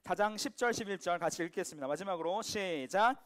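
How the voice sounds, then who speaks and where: A male pastor giving a sermon to a youth congregation, with a noticeably high speaking voice. He preaches in a lively, conversational manner. He jokes and keeps turning to his listeners with questions. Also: quick pace. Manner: lively, joking, asks the audience questions. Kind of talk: sermon to teenagers.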